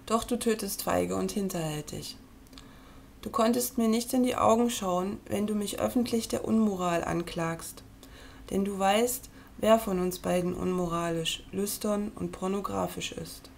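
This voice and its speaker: A woman with a gravelly, creaky voice reads a book from a screen at her computer, her earnest, measured delivery seeming to speak straight to you. The pitch is medium and a bit mellow, with a slight hiss or hum.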